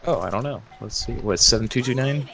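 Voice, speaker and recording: A man's voice: medium pitch, a little fast, vocal fry, music in the background. A man chatting casually with friends over voice chat during a game, often trailing off and restarting. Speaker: gamer on voice chat.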